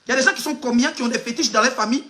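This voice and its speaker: An Ivorian woman blogger dishes gossip live in a high, bright, forceful voice, racing along over slight background noise. Her Ivorian French accent carries a mocking, emphatic tone aimed straight at the person she's criticizing.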